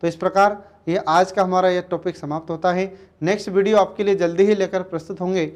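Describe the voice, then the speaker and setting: A man teaching an exam-prep grammar lesson, going slowly, repeating words and often checking that students follow. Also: sits high, steady tone.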